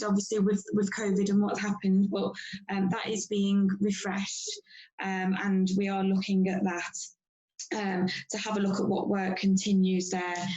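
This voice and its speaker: Tired policewoman giving a flat report. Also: mid-range voice, low-quality recording. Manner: measured, factual report with frequent pauses. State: tired after a long shift. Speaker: police inspector. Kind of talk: briefing a council meeting. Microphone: video call.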